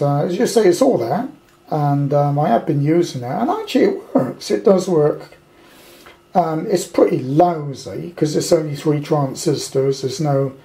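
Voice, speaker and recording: An older British amateur radio hobbyist shows off a kit at a tabletop indoors at home, in a casual unscripted show-and-tell. His voice is fairly high-set and soft-edged, and he wanders off the cuff from point to point with blunt grumbles. His tone stays dark and relaxed.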